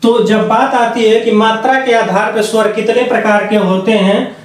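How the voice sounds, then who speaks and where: A man with a high voice gives an exam-prep grammar lecture. He repeats each point and asks questions that he answers himself. The sound is strongly echoey and picked up from a distance. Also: steady tone, moderate pace. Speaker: Hindi grammar teacher. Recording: echoey room, mic set far off.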